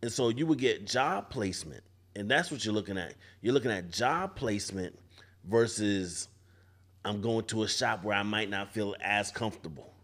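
A man in his forties with a lowish, fairly bright voice speaks at a moderate pace. As a barber on a podcast he's thoughtful, often starting sentences over, in a casual indoor panel discussion at a barbershop event space, captured by a podcast mic on a boom arm.

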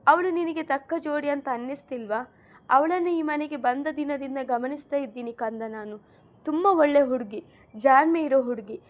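A woman reading an audiobook story, voicing a kind older mother with a high, coaxing motherly manner. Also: normal speed, lightly acted. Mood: earnest. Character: kind elderly mother arranging marriage, gentle.

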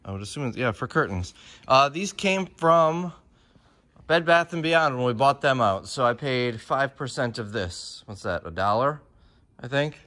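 His mid-range voice is expressive, bright and forceful, delivered at a measured pace. The man, in his thirties, is a reseller vlogger casually rambling and thinking aloud into a phone held at arm's length inside a large warehouse and storage room.

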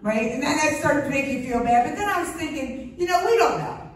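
A middle-aged woman performs a stand-up set on stage with a slightly high voice. She tells stories chattily and acts out sounds and voices. The sound is very echoey and distant, with faint noise behind. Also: lively intonation, brisk. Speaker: stand-up comedian. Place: comedy stage before a live audience.

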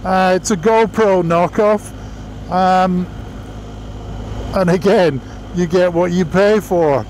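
A fairly high-pitched man talks from inside a motorcycle helmet, which muffles his voice a little. He gives casual, plainspoken verdicts in a product review. Faint street and engine noise sits behind him outdoors. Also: slow pace, darkish tone, low-quality recording.

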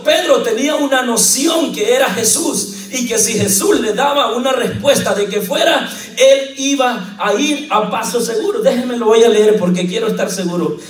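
A man preaching a lively sermon as pastor, telling the story and quoting scripture with jokes along the way. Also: very high voice. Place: church hall. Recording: echoey church, mic at a distance.

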